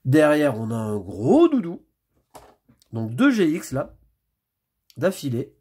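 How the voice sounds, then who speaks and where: Husky man chatting while opening card packs. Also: a little high, wildly swooping pitch, slow pace, a little mellow. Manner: chatty, mutters card names as he flips. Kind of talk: casual pack-opening commentary.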